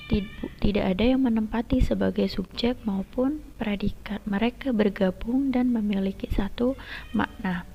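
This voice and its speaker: A woman teacher explaining a lesson step by step and addressing her students directly, her voice often trailing into a soft whisper. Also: on the high side, slight background noise. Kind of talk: recorded classroom lesson. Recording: lo-fi dull recording.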